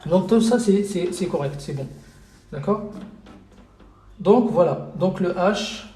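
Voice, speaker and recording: Man, high voice, unhurried, hesitant teacher, lots of fillers, roomy echo. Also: lively intonation, dark tone. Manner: hesitant, many fillers and repeated checks for understanding. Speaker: Arabic teacher. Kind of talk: live online lesson.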